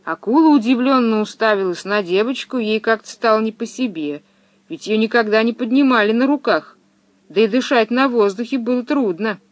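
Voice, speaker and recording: Narrator: woman, expressive storybook reading, dry close recording. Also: fairly high pitch, normal speed, dry recording.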